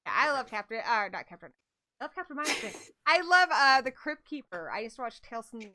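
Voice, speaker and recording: A woman's voice: a little high, sing-song, brisk, pushed and bright. A woman hosting a casual chat in an eager, gushing, playful manner. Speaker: host.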